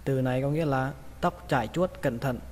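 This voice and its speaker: A man's voice: mid-range voice, brisk, darkish tone. A man with a Vietnamese accent teaching English pronunciation, patiently repeating each word. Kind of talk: pronunciation lesson. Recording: long reverb, faint ambient noise.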